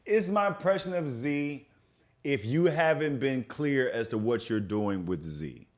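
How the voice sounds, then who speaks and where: Young male podcast host, lively swinging delivery, storyteller who plays out every quote. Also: medium pitch, measured pace. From Texas. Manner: animated storytelling, acts out quotes. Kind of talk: casual chat.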